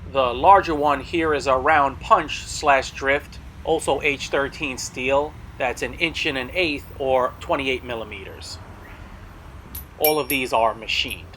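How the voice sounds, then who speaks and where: A man's voice: mid-range voice, unhurried, bright, forceful tone, a little hiss or hum, poor audio. A man narrating a product showcase as a video host, explaining details in a matter-of-fact way. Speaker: blacksmith video host selling tools.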